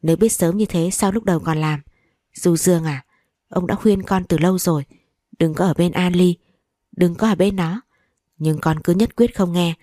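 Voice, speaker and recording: A woman's voice: lowish voice, moderate pace, mellow, no room sound, studio quality, lightly acted. A woman voicing a stern, sulky old grandfather in a storybook reading, speaking in a grumbling, scolding way. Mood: grumpy.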